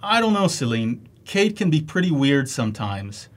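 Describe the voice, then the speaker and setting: A man acting a concerned, loyal friend and husband in a scripted dialogue, speaking clearly and expressively. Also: medium pitch, sing-song, normal speed, lightly acted. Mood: gently persuading. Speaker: actor in an English lesson dialogue.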